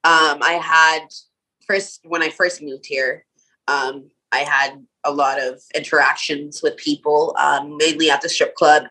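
A woman's voice: deep voice, steady tone, measured pace, sharp tone, rough recording. A woman from Nova Scotia, a guest in an interview, talking casually with lots of "like" and "um" fillers. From Canada (Nova Scotia). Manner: casual, many "like" and "um" fillers, laughs often.

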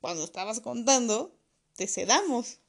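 Woman quoting a calm joking male surgeon. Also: very high voice, moderate pace, vocal fry, exaggerated voice. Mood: matter-of-fact.

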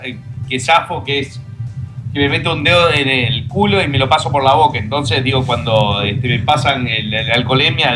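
Hombre argentino de voz aguda, música de fondo. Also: male voice, on the high side, rough recording. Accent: Rioplatense Argentine. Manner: loud shouts of laughter, fillers like "este". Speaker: comedy show co-host. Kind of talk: casual joke telling. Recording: music playing behind.

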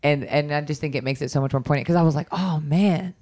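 A woman's voice: sits low, steady tone, rapid-fire, a little mellow. Chatty woman guest talking movies. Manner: chatty, emotional retelling of scenes. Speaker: podcast guest. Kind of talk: casual film discussion.

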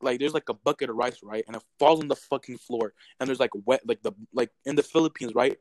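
A young man in casual chat, telling animated stories and swearing constantly. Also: medium pitch, fast talker, no echo. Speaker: podcast co-host.

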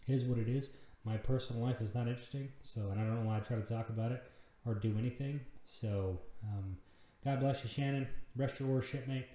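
A man's voice: mid-range voice, fairly even intonation, a little fast, few pauses, dark tone. A man in his thirties hosting a casual solo podcast, rambling and self-deprecating, swearing freely. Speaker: podcast host. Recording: very echoey room.

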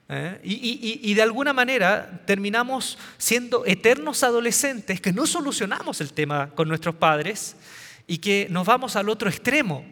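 Bright-voiced man joking about parenting. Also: high voice, long reverb tail. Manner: storytelling with punchlines and quoted voices; repeats words and restarts phrases. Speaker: speaker on parenting. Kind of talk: humorous motivational talk.

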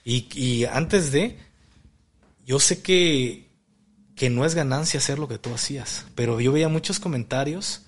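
A man, hosting a casual interview chat in a relaxed, slangy, joking way. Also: mid-range voice, slightly rough. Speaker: podcast host.

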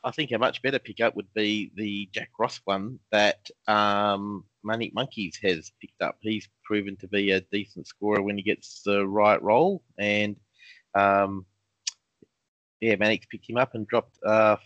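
A man's voice: on the low side, steady tone, a little slow, a bit bright, no echo. Laid-back man, lo-fi podcast audio. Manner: laid-back, jokey, lots of ums. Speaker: podcast co-host. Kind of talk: casual fantasy football chat. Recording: dull lo-fi sound.

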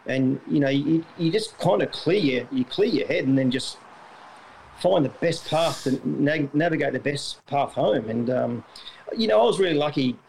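A man's voice: a little high, animated, moderate pace, creaky, darkish tone, a little hiss or hum, low-quality recording. A middle-aged Australian man, a retired jockey, chatting in an interview with lots of fillers and restarts. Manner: rambling, self-correcting, many fillers. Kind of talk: casual interview.

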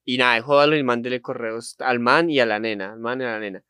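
A man's voice: medium pitch, fast, sharp tone, smooth, no echo, studio quality. A man with a Colombian accent, co-hosting a podcast. He chats casually in street slang and laughs along with the others. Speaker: podcast co-host. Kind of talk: casual chat.

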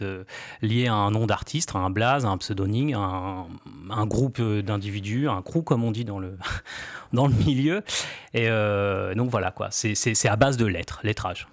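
A man in his forties, a graffiti artist guest on a radio show, explaining slowly with many fillers and restarts. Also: on the low side, no room sound, clean studio sound. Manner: hesitant, many fillers and restarts, laughs lightly. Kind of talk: casual radio interview.

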